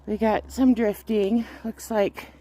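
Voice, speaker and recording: Slow-talking farm woman with sing-song animal talk. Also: fairly even intonation, dark tone. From Colorado. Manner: chatty, slips into high sing-song baby talk with animals. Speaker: farm vlogger. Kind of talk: casual vlog narration. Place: outdoors on a snowy farm.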